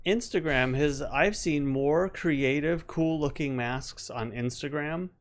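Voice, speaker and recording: A middle-aged man hosts a relaxed live-stream chat. He talks in an easygoing way and works through his points at length. His voice is plain and conversational. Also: on the high side, slow pace. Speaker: host.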